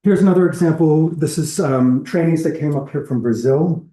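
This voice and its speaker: Speaking at normal speed, a man with a dark-toned voice on the high side gives a public lecture on whale entanglement response; the recording is rough and reverberant. Set in a lecture hall, his delivery is conversational and explanatory, with examples listed as he goes.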